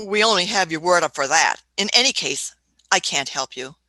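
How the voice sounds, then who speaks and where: A woman's voice: on the low side, expressive, moderate pace, bright, forceful tone, no echo. A woman voicing a fussy elderly Doctor who chuckles, hums and uses old-fashioned phrases in a radio play. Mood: testy. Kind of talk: amateur radio play acting.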